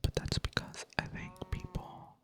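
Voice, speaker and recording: An ASMR gaming creator whispers softly and unvoiced, drifting slowly in a monotone while chatting aimlessly over gameplay. Close to the mic at a computer desk, the delivery stays gently self-mocking throughout.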